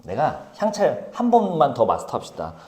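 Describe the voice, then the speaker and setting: Lively man lecturing a class. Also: a little high. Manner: brisk, teasing, calls on students by name. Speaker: high school Korean teacher. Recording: echoey classroom.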